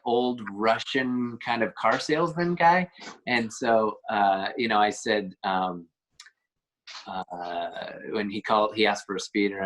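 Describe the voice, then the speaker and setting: Low-voiced man, rambling thoughtfully. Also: a bit bright. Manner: thoughtful, rambling, searching for words. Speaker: actor, interview guest. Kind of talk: casual chat.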